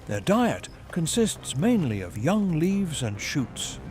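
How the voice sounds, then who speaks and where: A man reads scripted nature documentary narration in a measured, formal storytelling manner. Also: fairly high pitch, very animated. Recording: music behind the voice. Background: background music.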